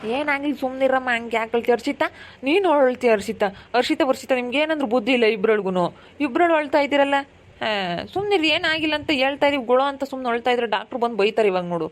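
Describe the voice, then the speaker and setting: A coaxing, motherly aunt, played by a woman, in a village drama, speaking in a fairly high voice. She hushes and reassures again and again, mixing gentle scolding into her comfort. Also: fast talker, lightly acted. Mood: scolding softly. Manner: soothing, coaxing, repeats "hush". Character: caring aunt comforting crying relatives.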